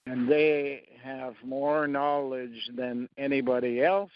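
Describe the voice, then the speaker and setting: A man talking through a slow, rambling monologue, pausing often between short phrases. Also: mid-range voice, steady tone, dry recording, dull audio. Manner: halting, long pauses between phrases. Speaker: speaker sharing beliefs.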